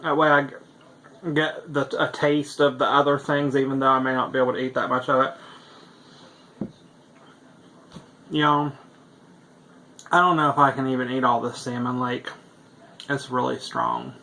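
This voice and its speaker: A man's voice: medium pitch, flat delivery, measured pace, long pauses, bright, forceful tone. A man talking in a casual video diary, rambling with lots of fillers while he eats. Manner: chatty and rambling, with many fillers; talks while eating. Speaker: vlogger.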